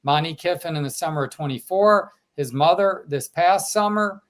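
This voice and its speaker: A man co-hosting a sports podcast, recounting his trip and quoting fans as he goes. His voice sits a little high for a man. He talks in a loose, casual way. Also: normal speed. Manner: storytelling, quotes fans in lively asides. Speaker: podcast co-host, sports reporter.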